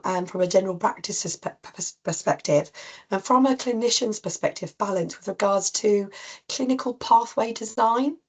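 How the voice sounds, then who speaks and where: A woman with a cold, a clinical lead, gives an informal online talk to practice teams over a video call. Her medium-pitched voice is husky and strained, and she coughs. She rambles with frequent ums and restarts.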